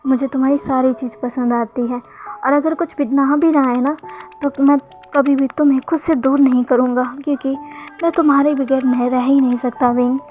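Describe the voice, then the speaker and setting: A woman's voice: high-pitched, steady tone, moderate pace, warm tone, soft background music, lightly acted. A woman voicing an anxious, devoted young lover. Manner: pleading, stammering when worried.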